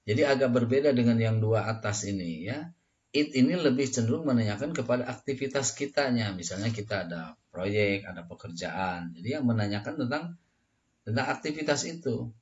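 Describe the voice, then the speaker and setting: A man teaching an English lesson, explaining slowly and modelling phrases for listeners to repeat. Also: medium pitch, a little mellow, muffled recording. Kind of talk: language lesson.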